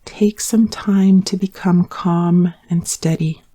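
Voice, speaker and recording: Leading a guided yoga nidra relaxation, a woman with a lowish, slightly rough voice speaks soothingly and calmly, pausing at length between soft cues.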